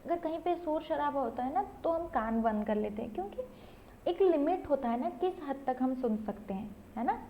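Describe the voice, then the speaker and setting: High-voiced woman telling a children's story. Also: lively intonation, normal speed, warm tone, a little hiss or hum, rough recording. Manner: chatty, asks herself questions, adds "thik hai".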